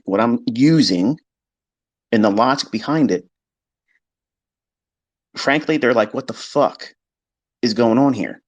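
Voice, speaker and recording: A man lectures on trading in a loose, unscripted live-stream style, blunt and emphatic, with casual swearing. His voice sits in an ordinary middle pitch. The sound is dry and close, with no room echo. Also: highs cut off. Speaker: trading educator.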